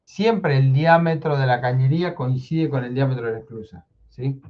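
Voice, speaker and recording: A man's voice: mid-range voice, normal speed, muffled recording. A man giving a technical lecture, often checking in with "¿sí?". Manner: explanatory, checks in with frequent "¿sí?". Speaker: university lecturer.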